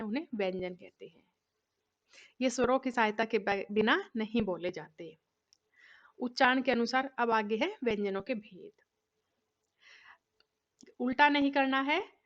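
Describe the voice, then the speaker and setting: A woman's voice: sits high, fairly bright tone. Woman teacher going over grammar, asks and answers her own questions, kinda muffled lo-fi sound. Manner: patient, asks questions and answers them herself. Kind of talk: recorded grammar lesson.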